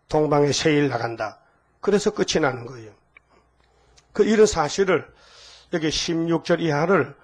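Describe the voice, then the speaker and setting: An older man in his sixties preaching a sermon with a husky voice, emphatic and full of rhetorical questions to the congregation. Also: fairly high pitch. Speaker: pastor.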